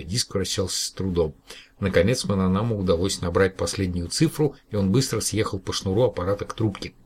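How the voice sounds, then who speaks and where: Low, husky male storyteller. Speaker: narrator. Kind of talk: audiobook narration.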